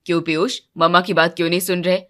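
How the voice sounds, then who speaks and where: A weary cartoon husband, voiced by a woman lowering her pitch. He speaks softly and wearily in a bright, clear tone. Everything comes out low-key and a little grumbling. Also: flat delivery, fast, lightly acted. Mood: reasoning. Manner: subdued, low-key, quietly complaining. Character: weary grown man, soft-spoken husband. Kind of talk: animated storybook voice acting.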